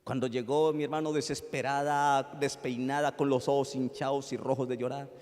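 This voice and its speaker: A man with a Colombian accent, a pastor preaching a sermon and telling a story, swinging from loud pleading to hushed tones. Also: medium pitch, flat delivery, moderate pace, long reverb tail.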